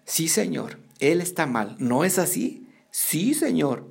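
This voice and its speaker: A small excitable creature frets and fusses over an injured man, as a man reading a story puts him on. The voice carries a gravelly rasp and sits a touch high. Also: takes it slowly, full character voice. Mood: fretful.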